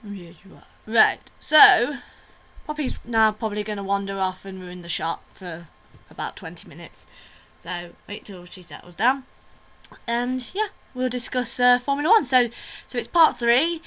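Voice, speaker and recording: A bright, forward-sounding woman talks to camera as the host of her own review vlog. She is chatty and opinionated, with plenty of fillers and asides. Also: fairly high pitch, normal speed. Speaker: vlogger host. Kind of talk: casual video review chat.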